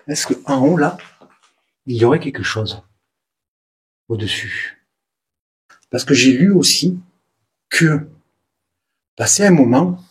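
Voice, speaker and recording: A man with a southern French Provençal accent, vlogging as he explores the ruins of an abandoned building. He talks excitably, repeats words and drops to hushed mutters. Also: medium pitch. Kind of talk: exploring and narrating to camera.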